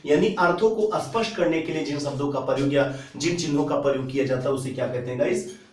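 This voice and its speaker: A man's voice: mid-range voice, fast, a little mellow. A man teaching an exam-prep grammar lesson. He repeats key terms and keeps addressing his viewers as "guys". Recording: echoey room, voice far from the mic.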